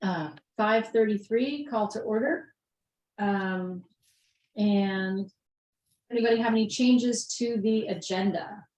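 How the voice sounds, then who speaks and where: A woman in her fifties chairing a town committee meeting, friendly and quick to laugh. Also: mid-range voice, darkish tone. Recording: echoey meeting room.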